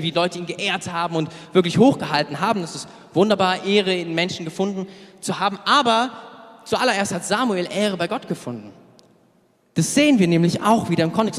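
A man preaching to young people, lively and casual, telling a story and acting out the characters' words. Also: high-pitched, long reverb tail. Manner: lively storytelling with acted quotes, casual asides; loses his place, searches notes aloud. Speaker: youth preacher. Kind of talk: sermon.

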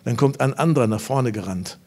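A man's voice: mid-range voice, fairly quick. Emphatic revival preacher, a man. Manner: emphatic storytelling with sudden loud bursts. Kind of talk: revival sermon. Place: church service before a congregation.

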